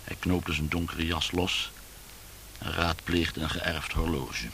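Very deep, gravelly male storyteller. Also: level tone, takes it slowly, sharp tone, a little hiss or hum, poor audio. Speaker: author reading his own stories. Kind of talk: reading short stories aloud.

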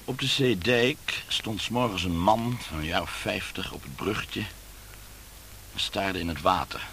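A man, an author, reading his own short stories aloud in a dry, unhurried way. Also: deep voice, a bit bright, slight background noise, rough recording.

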